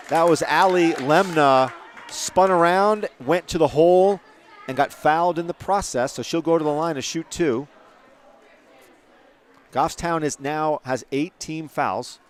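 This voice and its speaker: Chatty man calling a school basketball game. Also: on the high side. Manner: chatty, rambling asides, self-corrections. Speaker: play-by-play commentator. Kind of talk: local sports commentary. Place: press box at a school gym.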